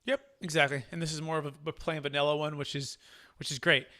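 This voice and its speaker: A man in his thirties hosts a weekly webinar in a casual, animated tone. He acts out quoted dialogue and restarts his sentences often. His voice is bright, clear and a touch high. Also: fast talker. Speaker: host of a weekly tax deferral mastermind. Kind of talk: casual webinar chat, storytelling.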